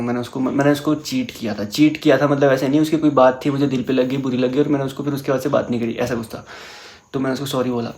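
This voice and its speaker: A young man telling a personal story in casual chat, animated and mixing English words into his talk. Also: medium pitch, vocal fry. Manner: animated, mixes English into Hindi.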